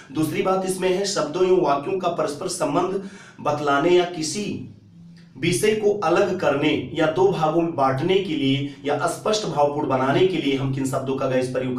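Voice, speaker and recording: Man teaching grammar in an echoey room. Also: fairly high pitch. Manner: repeats key terms, often says "guys". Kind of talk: exam-prep grammar lesson. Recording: echoey room, voice far from the mic.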